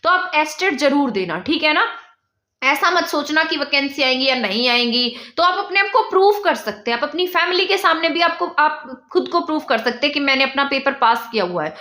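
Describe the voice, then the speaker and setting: A woman's voice: high voice, lively intonation, fairly quick, bright, forceful tone, roomy sound. A young woman from India, teaching an exam-prep lesson and drilling points by asking and answering her own questions.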